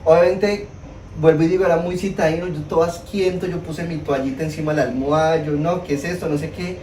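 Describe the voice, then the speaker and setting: A young man with a Colombian Spanish accent preaching a sermon, telling a personal story in an animated, self-mocking way to a congregation. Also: fairly high pitch, fast talker, a little hiss or hum. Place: church hall. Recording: echoey hall, mic at a distance.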